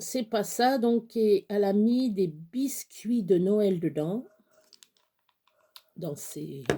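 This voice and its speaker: A woman chatting casually through a crafting tutorial, rambling and halting with many fillers, sometimes dropping to a whisper. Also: mid-range voice, mellow. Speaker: craft vlogger.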